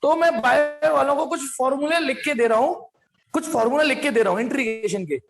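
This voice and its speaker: High-voiced man teaching a physics class. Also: a little fast, over loud music. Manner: addresses students directly, stops to ask them questions; repeats points over and over. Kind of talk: online class lecture.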